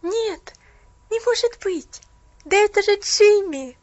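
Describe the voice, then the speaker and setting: A woman voicing an earnest, kind-hearted young girl who talks in a pleading, bright way. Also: very high voice, moderate pace, dull audio, voice pushed up. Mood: delighted.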